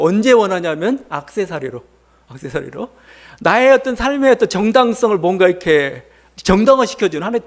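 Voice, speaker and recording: A male pastor giving a conversational sermon, posing rhetorical questions to the congregation. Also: high voice.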